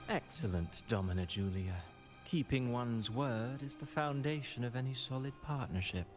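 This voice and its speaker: An actor voicing a scheming male noble in a game, speaking in a smooth, measured way with veiled menace. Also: mid-range voice, animated, over music, close to an everyday voice. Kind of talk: game voice acting.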